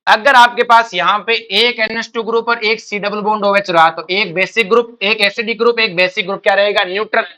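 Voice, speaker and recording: Here a man's high-pitched voice moves briskly with fairly even intonation and hardly any pauses, bright and forceful. As a chemistry teacher prepping students for exams, he fires off questions, addresses them as "beta," and echoes each answer.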